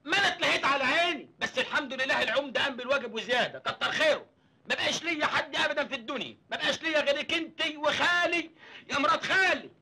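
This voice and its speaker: An actor playing a hapless young country lad in a film comedy, speaking with an Egyptian accent in a cheeky, whiny way. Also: male voice, extremely high pitch, vocal fry, pushed and bright, heavily acted. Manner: cheeky, whiny, quick jokes. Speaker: film character. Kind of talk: 1980s film comedy acting.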